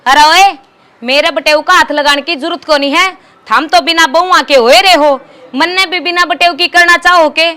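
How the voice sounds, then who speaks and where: A woman's voice: extremely high pitch, moderate pace, sharp tone. A woman with a Haryanvi accent playing an outspoken, protesting village wife in a comedy skit. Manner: scolding, protesting. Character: outspoken village wife defending her husband before her father. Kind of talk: rural comedy skit acting.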